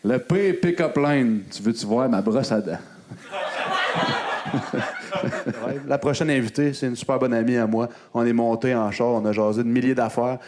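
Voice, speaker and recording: A man's voice: medium pitch, normal speed, long pauses. A man with a Québécois accent hosting a live comedy show, teasing the crowd with mock outrage. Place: comedy club stage.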